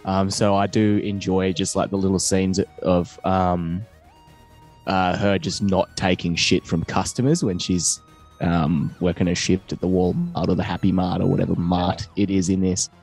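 A man with a very low voice chats as a podcast co-host, hesitating often and filling gaps with ums. Faint music plays behind him. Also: little pitch movement, moderate pace, a little mellow. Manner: hesitant, many ums and uhs. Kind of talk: casual chat.

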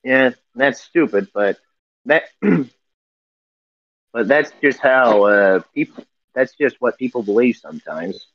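A man co-hosting a casual podcast over a video call, reading out news headlines in a halting way full of fillers and self-corrections while his audio breaks up. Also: medium pitch, dry recording. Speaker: podcast co-host. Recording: dull, muffled call audio.

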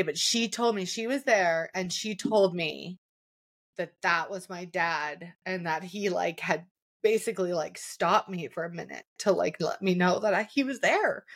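A woman hosting a podcast, reflective and emotional, talking through a personal story with many fillers. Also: lowish voice. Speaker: podcast host. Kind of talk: conversational interview.

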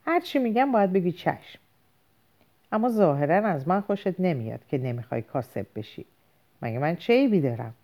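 A woman's voice: low-pitched, very animated. Stubborn scornful father, read by a woman. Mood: angry. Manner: scornful, shouting bursts. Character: stubborn angry middle-aged father, scornful.

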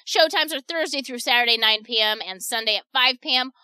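Female deals-show host, upbeat selling, forceful bright tone, dry close sound. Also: fairly high pitch, fairly quick, clean tone, no echo. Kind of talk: upbeat sales pitch, partly ad-libbed.

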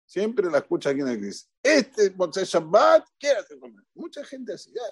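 Lively Argentine rabbi preaching. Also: male voice, high voice, moderate pace, breathy edge, dry recording. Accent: Argentine Spanish. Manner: lively, jokey, questions the audience, repeats for emphasis. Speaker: rabbi giving a Torah talk. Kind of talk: informal sermon to a congregation. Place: synagogue.

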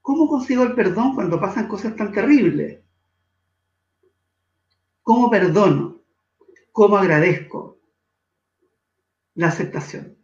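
A man from Chile, a guest in an interview, speaking in an earnest, measured way that slows for emphasis. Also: high-pitched, animated, echoey room, highs cut off. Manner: earnest, measured, shifts between slow emphasis and quick asides. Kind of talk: reflective interview talk.

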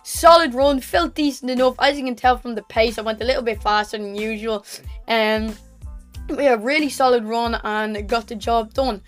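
A young Irish woman talks casually to her viewers in a fairly high voice. She is chatty and matter-of-fact, recapping like a vlogger and correcting herself as she goes. Faint music plays behind her. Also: steady tone, moderate pace. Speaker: running vlogger. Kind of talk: casual training recap to camera.

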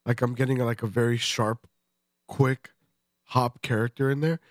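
A man's voice: medium pitch, little pitch movement, moderate pace, no room sound, clean studio sound. A congested man co-hosting a podcast, swearing and laughing as he describes a beer in casual detail. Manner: profane, joking, laughs often. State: stuffy, congested. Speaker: podcast co-host. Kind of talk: casual beer-tasting chat.

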